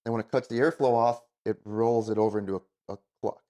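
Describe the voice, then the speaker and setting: A man's voice: lowish voice, fairly even intonation, brisk, mellow. A man giving casual hands-on instruction as an expert, in a plain-spoken, informal way. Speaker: goose calling expert, instructor.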